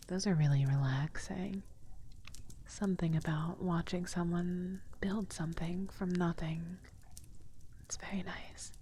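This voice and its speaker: A woman streamer whispering softly and breathily in a gentle, cutesy, affectionate way to her viewers on an ASMR livestream. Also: low voice. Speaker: VTuber streamer and host. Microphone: close 3Dio binaural microphone. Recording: faint background noise, close binaural mic.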